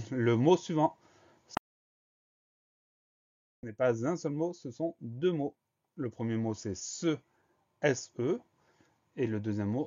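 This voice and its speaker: A man teaching a dictation lesson, spelling each word slowly and patiently, letter by letter. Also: mid-range voice, darkish tone, lo-fi sound. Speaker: French teacher.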